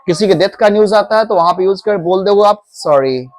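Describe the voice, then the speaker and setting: A man's voice: high-pitched, a little fast, a crowd in the background. A male teacher giving a classroom English lesson, repeating key words and quizzing his students.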